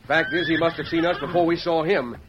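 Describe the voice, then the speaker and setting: A man's voice: fairly high pitch, steady tone, a little fast, over a noisy crowd, lightly acted. A man playing an authoritative Wild West sheriff, folksy and barking orders in old radio drama style. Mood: wary. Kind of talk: old-time radio western acting. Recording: dull old radio recording with hiss.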